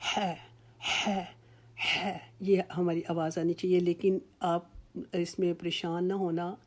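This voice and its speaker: A woman teaching Quran recitation rules in a slow, patient lesson, drawing out words as she models them and reassuring her students. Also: fairly low pitch, flat delivery. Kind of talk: slow instructional tajweed lesson.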